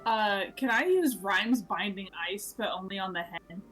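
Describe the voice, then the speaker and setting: A woman's voice: mid-range voice, moderate pace, fairly bright tone, soft background music. Exasperated woman player, dry humor. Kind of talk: casual tabletop play.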